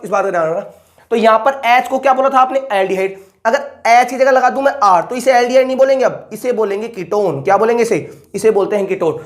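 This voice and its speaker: A male chemistry teacher giving an online lecture in casual Hindi. He asks a question, answers it himself, and repeats the key terms, slowing down to spell out each formula. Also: very high-pitched, a bit bright. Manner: slows right down to spell out formulas.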